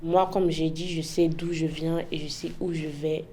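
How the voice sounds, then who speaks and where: A woman's voice: sits low, flat delivery, normal speed, dark tone, slight background noise. A young woman giving frank, impassioned interview answers, often tagging her points with "en fait". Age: young adult. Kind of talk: candid interview testimony.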